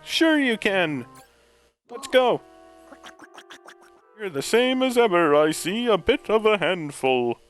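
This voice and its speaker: A man voicing an old male inventor professor, reading video game lines in a raised, excitable put-on voice. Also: slow pace, long pauses, soft background music, exaggerated voice, low-quality recording. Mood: excited. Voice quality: put-on voice the performer calls bad. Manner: higher, excited, reading game dialogue aloud.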